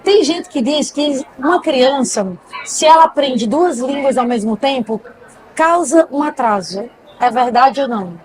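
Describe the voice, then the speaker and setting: A woman hosting a podcast, asking curious, lively questions. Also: sits high, unhurried, poor audio. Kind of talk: casual interview questions.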